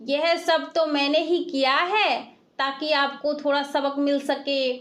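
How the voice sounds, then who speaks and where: A woman doing a shrewd, kind-hearted wife from a storybook tale who gently chides her husband. She is matter-of-fact, and her voice is high. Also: little pitch movement, slow pace. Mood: chiding.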